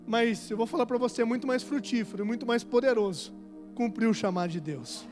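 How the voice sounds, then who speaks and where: A middle-aged man from Brazil preaching a sermon as pastor, swinging from hushed tones to shouting. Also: very high-pitched, brisk. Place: large church hall at a conference. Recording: hall reverb with music under it.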